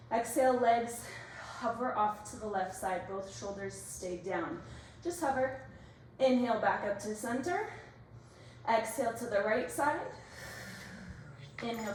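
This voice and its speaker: A female workout instructor is heard from a distance in a very reverberant room, with faint noise underneath. She coaches in short, directive cues, briskly counting and naming each move. Her voice sits at an average pitch for a woman. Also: expressive. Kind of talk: exercise class coaching, cueing moves and counts.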